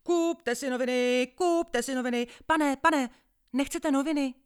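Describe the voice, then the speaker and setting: A woman voicing an eager, cheeky boy who sells newspapers on a train, calling out loudly in a high, excited voice. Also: natural voice. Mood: hawking.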